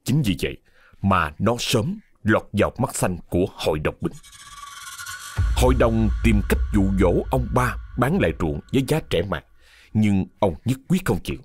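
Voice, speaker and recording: A man tells a ghost story in a lower voice, dramatic and expressive, with lively swings in pitch. Soft music runs underneath the narration. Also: moderate pace. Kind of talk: scripted horror story narration.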